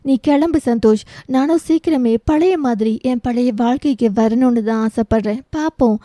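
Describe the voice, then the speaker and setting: A woman's voice: on the high side, normal speed, dry recording, studio quality, lightly acted. A woman voicing a troubled, withdrawn young college woman in a storybook reading. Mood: sad. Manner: pleading, then shouting in anger.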